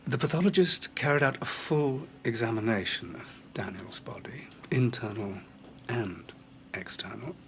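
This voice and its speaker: An actor playing a calm doctor who gently breaks hard news in a TV drama, in a measured, careful way. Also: male voice, mid-range voice, slight background noise, natural voice. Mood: grave, gentle. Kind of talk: TV soap drama.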